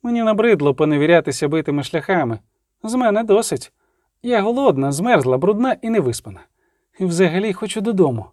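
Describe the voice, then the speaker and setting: A man's voice: high-pitched, animated, brisk, a little mellow, no echo, clean studio sound. A man voicing a tired young woman traveller who whines that she is fed up. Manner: whiny, fed up.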